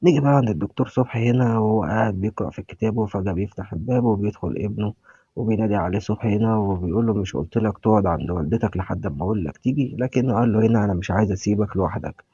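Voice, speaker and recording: Man, Egyptian accent, casual recap narration, husky, rapid delivery. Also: on the low side, warm tone, no room sound, muffled recording. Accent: Egyptian Arabic. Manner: retells scenes and reads characters' lines aloud.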